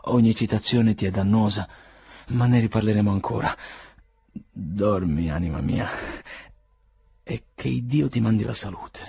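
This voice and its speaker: A man voicing a proud, ailing aristocrat nearly fifty, speaking in a measured, solemn, quiet way. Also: on the low side, fairly even intonation, creaky, breathy edge, dry recording, heavily acted. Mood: gentle.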